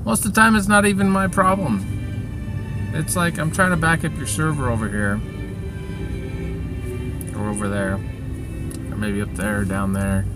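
A man's voice: fairly high pitch, normal speed, long pauses, over loud music. A middle-aged man rambling through a downbeat, self-pitying personal rant, recorded inside a vehicle. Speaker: vlogger.

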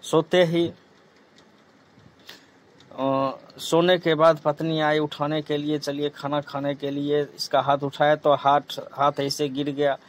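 Male storyteller, slow moral tale, slightly high voice. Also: level tone. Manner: plain, unhurried retelling.

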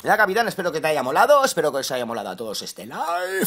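A young man with a Spain Spanish accent and a slightly hoarse voice, giving excitable live commentary over his gameplay and swearing at teammates. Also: fairly high pitch, fast talker. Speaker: gamer streaming live gameplay. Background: faint gunfire from the game.

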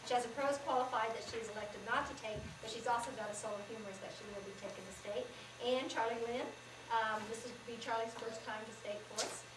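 High-voiced woman announcing performers. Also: steady tone, fast. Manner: casual, chatty, with laughs. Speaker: forensics coach announcing performers. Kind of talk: live event introduction. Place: school auditorium. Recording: distant echoey auditorium with noise.

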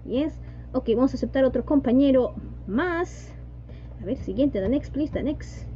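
A high-voiced woman, an English teacher, gives an online lesson over a video call, mixing Spanish and English and repeatedly saying "yes" and "¿no?". Her delivery is mellow and unhurried with lively intonation. The audio is dull, lo-fi call sound with a faint hum.

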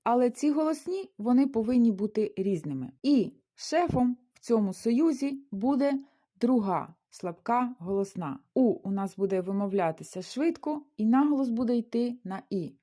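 A woman's voice: fairly high pitch, expressive, moderate pace, mellow. A woman teaching a beginners' language lesson, explaining rules with everyday comparisons and rhetorical questions. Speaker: Spanish teacher.

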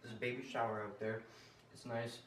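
A man's voice: medium pitch, little pitch movement, a little fast, a bit bright, a little hiss or hum, close to an everyday voice. Man playing a mopey, giggly young guy. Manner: joking, giggly, rambling banter. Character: mopey young man mourning his lost friend. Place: indoor room. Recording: echoey room, camera far off.

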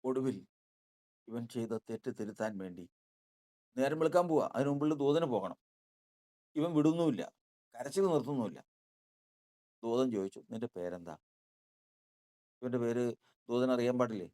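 Malayali man preaching a sermon, emphatic, repeats key phrases, mid-pitched voice. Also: lively intonation, moderate pace, pauses often, warm tone.

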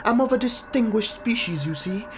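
A man's voice: high-pitched, lively intonation, normal speed, noisy background, pitched above the performer's own voice. A man voicing a vain ghostly warrior bug that shows off its markings in a proud, showy way. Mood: boastful.

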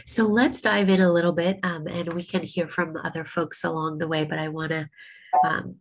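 A woman rabbi teaching a class over a video call, sniffly from a cold. Her voice is low and gravelly, and her pitch stays flat. She speaks slowly and unhurriedly, with plenty of ums as she works through her points. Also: low-quality recording. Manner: unhurried, many ums and restarts.

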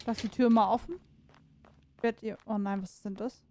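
A woman's voice: medium pitch, fairly even intonation, brisk, mellow, a little hiss or hum. A woman giving casual let's-play commentary on a horror game, chatting to herself and viewers, cursing and exclaiming when something startles her. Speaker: gaming streamer.

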